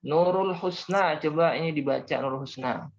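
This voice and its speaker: A man's voice: a little high, normal speed. A young man teaching a class, patiently explaining step by step and calling on students. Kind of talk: online class lesson. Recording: dull lo-fi audio.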